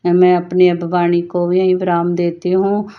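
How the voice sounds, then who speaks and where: A woman giving an earnest personal devotional testimony, talking in a halting way with frequent restarts. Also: on the low side, completely flat delivery. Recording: dull lo-fi voice note.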